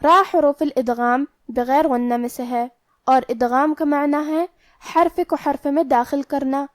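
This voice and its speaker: Woman, tajweed teacher, high voice, methodical letter-by-letter explanation, dry close sound. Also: darkish tone, dry recording. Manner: methodical, explains each letter's rule step by step. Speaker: Quran recitation teacher. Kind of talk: tajweed lesson.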